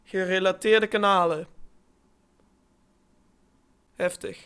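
A sixteen-year-old boy from Limburg in the Netherlands, talking in an animated, exclamatory, sweary way as he hosts a casual reaction vlog. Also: high-pitched, takes it slowly, faint music behind. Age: 16, teenager. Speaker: YouTuber, host. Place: small bedroom studio, indoors. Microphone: desk condenser mic, close.

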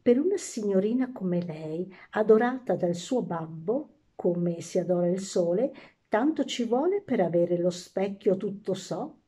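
A woman's voice: medium pitch, lively intonation, measured pace, warm tone, husky. A woman voicing an old nursemaid who speaks in a coaxing, confiding way.

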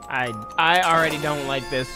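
A man's voice: on the high side, normal speed. A young man giving casual live game commentary, slangy and sweary, often repeating himself. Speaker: game streamer. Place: indoors at a streaming setup. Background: game music.

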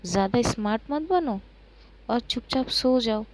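A woman's voice: a little high, lively intonation, a little slow, noisy background. A woman doing Pankhuri, a shy scolding girlfriend. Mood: chiding. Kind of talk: storytelling dialogue.

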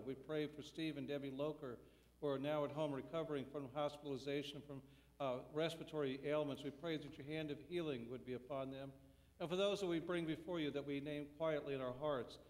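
A man leading a church service in solemn, measured liturgical prayer, his voice ringing with cathedral-like echo. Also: on the high side, darkish tone. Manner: measured, solemn, phrase-by-phrase delivery. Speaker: pastor leading worship. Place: church sanctuary during a service. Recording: long church reverb, voice from a distance.

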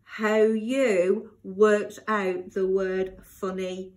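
Woman teacher in a one-to-one reading lesson, warm, encouraging, lively swooping praise, mid-pitched voice. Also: extremely slow. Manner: expressive, swooping intonation.

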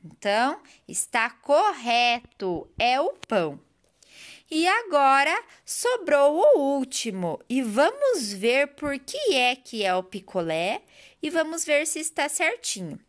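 Patient sing-song woman teacher, lively pitch. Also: takes it slowly. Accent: Brazilian Portuguese. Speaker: primary school teacher. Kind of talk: remote lesson for children.

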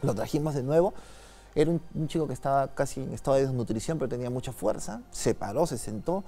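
Un hombre con acento peruano, invitado ocultista, que narra con calma y en voz baja una experiencia personal en una entrevista. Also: male voice, medium pitch, quick pace, soft background music. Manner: soft-spoken, calm storytelling with frequent tag questions. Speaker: occultist guest. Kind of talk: telling a personal story in an interview.

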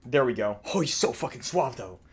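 A young adult video creator in a small indoor room at home reacts to game voice lines with casual, exaggerated humor and lots of cursing. His medium-pitched voice is expressive and brisk, with a breathy edge.

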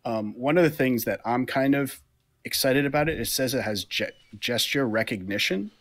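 A man in his thirties co-hosts a casual podcast chat from a room at home, talking through a headset on a video call. His mid-range voice has a fairly bright tone at a moderate pace, and he explains things chattily with fillers.

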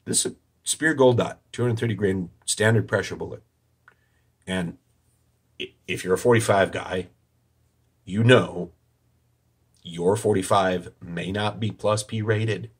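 A man presenting an informal analysis with a dry, deadpan, tongue-in-cheek delivery and a husky voice. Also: deep voice, a little slow, pauses often. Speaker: online video presenter. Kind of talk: informal analysis commentary over screen recording.

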